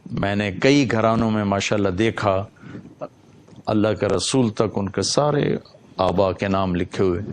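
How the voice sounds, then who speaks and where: A man's voice: on the low side, slight background noise. A man preaching a sermon, retelling a story with a reverent, emphatic delivery.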